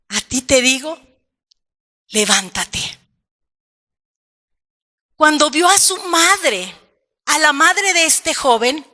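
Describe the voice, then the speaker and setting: A woman preaches a sermon at an unhurried, measured pace, and her voice sits high. Her tone is bright and ringing. She leans on repeated phrases and calls her listeners brother.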